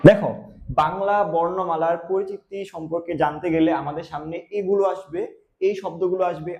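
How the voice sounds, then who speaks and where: A man's voice: fairly high pitch, darkish tone, roomy sound. A young man and university student from Bangladesh teaching a lesson, asking and answering his own questions and stressing key terms. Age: young adult. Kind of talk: classroom lesson.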